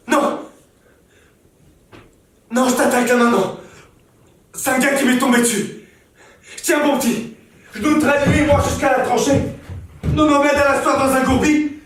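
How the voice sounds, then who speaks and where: A rough-spoken young trench soldier tells his story in blunt slang, as an actor plays him. His voice rides high for a man. It sounds roomy and distant, as if picked up from far back in a theatre. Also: lightly acted. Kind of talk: stage reading of a war diary. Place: theatre stage.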